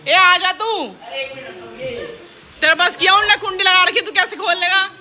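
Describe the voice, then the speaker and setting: A woman vlogger films a casual family vlog outdoors and at home, teasing the kids and a young relative and laughingly scolding them. Her voice is very high, steady and sharp, and she speaks a little slowly.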